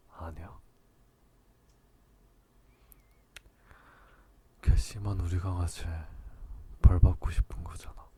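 A man acting a low, soft-spoken dominant lover, ASMR role-play. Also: slight background noise. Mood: jealous teasing. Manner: slow murmuring, coaxing and commanding, often soft-spoken. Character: teasing, dominant, possessive male lover.

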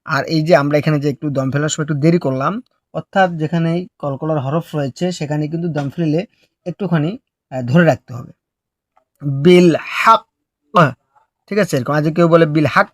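A man teaching recitation step by step, explaining slowly and patiently before drawing out each phrase in a melodic chant. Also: a little high, no echo, clean studio sound.

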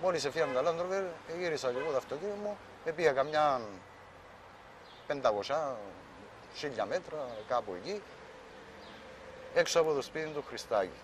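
A man's voice: a little high, lively intonation, long pauses. Man, Cypriot Greek accent, eyewitness documentary interview, faint outdoor insect noise behind. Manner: plain storytelling, quoting others.

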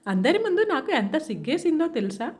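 A woman's voice: high voice, very animated, fairly quick, a little mellow, voice pushed up. A woman voicing a sulky, dramatic young college girl in a storybook reading, whiny and tearful. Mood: complaining.

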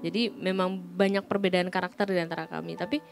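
Earnest woman with soft guitar behind. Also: lowish voice, little pitch movement, vocal fry. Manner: earnest, halting, with frequent restarts. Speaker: guest sharing testimony. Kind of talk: emotional personal testimony. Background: soft guitar music.

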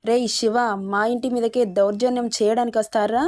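A woman's voice: a little high, level tone, fairly quick, darkish tone, natural voice. A woman voicing a greedy, quarrelsome village man who talks in a defiant, threatening way.

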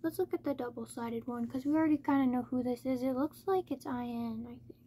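A woman chatting casually as she hosts an unboxing, speaking in a monotone with little stress on her words. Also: high-pitched, a little fast, a little hiss or hum. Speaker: K-pop album unboxing host. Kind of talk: casual chat, unboxing commentary.

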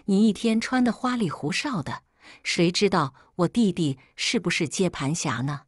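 A woman's voice: lively intonation, moderate pace, husky, no echo, clean studio sound. A woman voicing a scheming, insulting middle-aged sister-in-law in a storybook reading. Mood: scornful. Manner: scolding, shrill and insulting.

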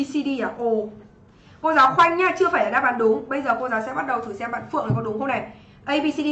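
A woman's voice: sits high, a bit bright, echoey room. A young Vietnamese woman, an English teacher, energetically reviews an exam on a livestream and keeps asking her students if they follow.

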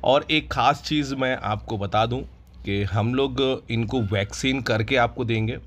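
A man who owns a goat farm walks viewers through his new stock in an unhurried, casual way with many hesitations, recorded on a handheld phone outdoors in the farm yard. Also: mid-range voice, slight background noise. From India. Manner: relaxed, unhurried, with frequent hesitations. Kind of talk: casual promotional farm tour.

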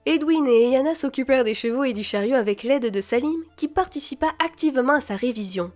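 High-voiced woman reading a novel. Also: fairly quick, faint music behind. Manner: expressive, shifting voices for dialogue. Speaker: audiobook reader. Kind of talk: reading a fantasy novel aloud.

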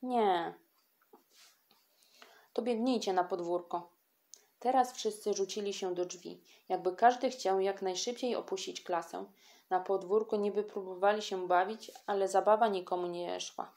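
A woman reading a children's audiobook with lively, expressive storytelling. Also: medium pitch, moderate pace. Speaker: audiobook reader.

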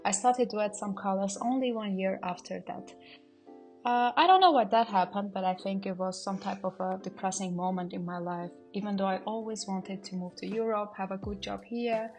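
Tidying her small apartment, the mid-twenties vlogger from Armenia talks to the camera in a casual, slightly nervous, reflective way. Her voice is medium-pitched and a little mellow, with a steady tone at a moderate pace. Soft music plays in the background, and the camera stands some distance away.

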